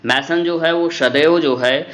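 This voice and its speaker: A man takes a class through a textbook chapter, reading each English line aloud and then unpacking it in Hindi. He speaks slowly and deliberately, in a fairly high voice. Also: fairly bright tone. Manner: slow, explains each point in Hindi after reading English lines. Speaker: English teacher. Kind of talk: textbook lesson explanation.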